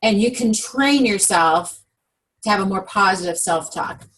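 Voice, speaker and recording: A woman's voice: medium pitch, lively intonation, a little slow, a bit bright, rough recording. A woman leads a team training talk in an upbeat coaching manner, often putting questions to her listeners. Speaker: sales team director.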